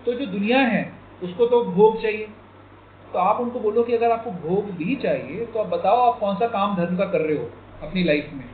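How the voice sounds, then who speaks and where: A man with a high voice gives a casual devotional talk and acts out a folk parable, switching into lively character voices. He is heard in an echoey room on a thin, phone-like recording. Faint noise hums behind him. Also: normal speed. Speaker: devotee speaker guiding a group. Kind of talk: informal spiritual talk with story-telling.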